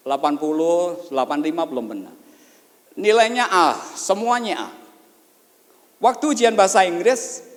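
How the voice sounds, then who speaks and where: A man's voice: on the high side, in a large hall. A man preaching a sermon as pastor at a church service. He asks rhetorical questions and often turns to address the congregation.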